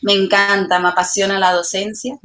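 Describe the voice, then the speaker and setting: A woman from the Canary Islands with a Canarian Spanish accent, a tango teacher chatting as a guest in an interview, talkative and quick to laugh. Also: medium pitch, flat delivery. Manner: chatty, laughs often, warm enthusiasm. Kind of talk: casual interview chat.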